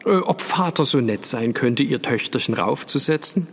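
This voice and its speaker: A man's voice: medium pitch, expressive, moderate pace, a little hiss or hum, voice pushed up, close to an everyday voice. A man voicing a chatty, gushing society lady in a fur-trimmed coat, in a storybook reading. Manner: gushing, sugary. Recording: long hall reverb.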